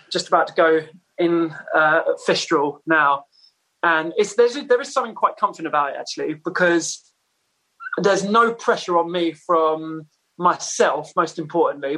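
High, bright-voiced man chatting casually. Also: low-quality recording. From Essex, England. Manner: laid-back slang, self-deprecating, giggly. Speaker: musician, podcast guest. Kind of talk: casual interview chat.

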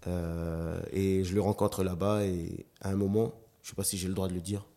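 A man, a dancer and slam artist, chatting as a guest in an interview, telling animated stories and acting out quotes, with frequent restarts. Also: deep voice, normal speed, background noise. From New Caledonia. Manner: animated storyteller, acts out quotes, stammers on restarts. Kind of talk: casual interview chat.

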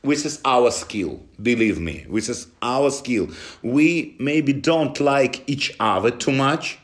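A man with a Russian accent answering interview questions in halting non-native English, often dropping articles. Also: mid-range voice, expressive. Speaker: interview guest from a football club.

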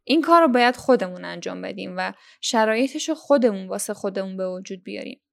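A young Iranian woman hosting a language-learning podcast, talking listeners through tips in a clear, instructive way. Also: mid-range voice, expressive. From Iran. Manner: instructive, addresses listeners directly. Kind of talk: scripted podcast lesson.

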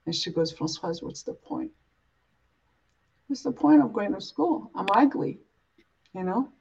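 Her voice is mid-range and gravelly, animated yet unhurried, with crowd noise in the background. Born and raised in Uganda in East Africa, she's an interview guest speaking reflectively, earnestly, and emphatically, stacking points through repetition. Dull, lo-fi recording.

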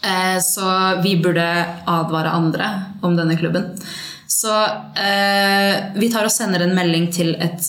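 A woman's voice: fairly low pitch, fairly even intonation, fairly bright tone. A woman, a podcast guest telling a long personal story in casual chat and acting out dialogue. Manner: mixes Norwegian and Swedish words, tells the story with quoted dialogue and English slang. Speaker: podcast guest, stripper and entrepreneur. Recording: echoey room.

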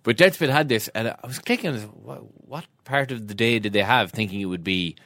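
A man with a West of Ireland accent chatting casually and haltingly as a sports podcast co-host. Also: fairly low pitch, fairly bright tone. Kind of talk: casual banter.

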